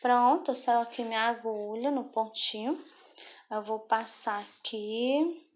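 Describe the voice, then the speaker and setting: A woman's voice: fairly high pitch, a little slow. A woman giving a patient step-by-step craft tutorial, often checking in with the viewer. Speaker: craft instructor.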